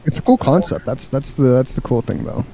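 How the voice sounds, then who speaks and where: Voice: medium pitch, very animated, fairly quick, creaky, a loud crowd, low-quality recording. A guest chatting on a casual live stream, playful and teasing.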